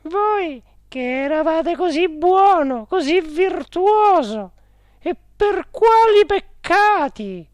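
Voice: extremely high pitch, lively intonation, slow pace, dry recording, voice pushed up, heavily acted. A reader voicing a pleading, gushing middle-aged lady calling out to a dead uncle at a séance. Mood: awed pleading.

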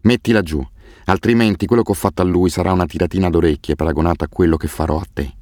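A man's voice: low-pitched, fast, darkish tone, no echo, clean studio sound, natural voice. A man reading an audiobook, voicing a brutal, violent male villain who roars and hisses his threats. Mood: menacing hiss. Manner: roaring and hissing threats.

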